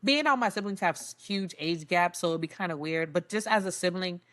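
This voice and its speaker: A woman's voice: on the low side, a little fast, fairly bright tone. A young woman co-hosting a casual podcast, rambling with lots of "like" and laughing often. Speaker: podcast co-host. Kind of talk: casual chat.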